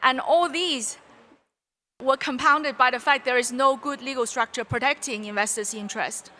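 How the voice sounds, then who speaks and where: Bright-voiced woman panelist. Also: high voice, normal speed. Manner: earnest, explains step by step with restarts. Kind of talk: conference panel discussion. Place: conference stage.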